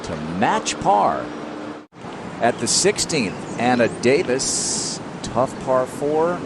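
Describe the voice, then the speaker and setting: A man's voice: mid-range voice, sing-song, takes it slowly. A man giving live golf play-by-play as a commentator, in clipped scene-setting phrases. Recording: loud crowd and outdoor noise. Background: crowd and outdoor ambience.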